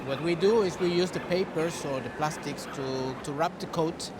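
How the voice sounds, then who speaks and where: A man's voice: a little high, normal speed, heavy background noise. A man from Costa Rica, a longtime dog breeder, giving earnest interview answers outdoors and often restarting words.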